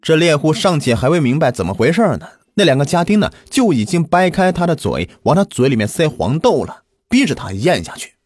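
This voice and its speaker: A man hosting and narrating a folk ghost story in a lively, colloquial storyteller's style. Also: on the high side, a little fast, hardly any pauses, no echo. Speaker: host and storyteller.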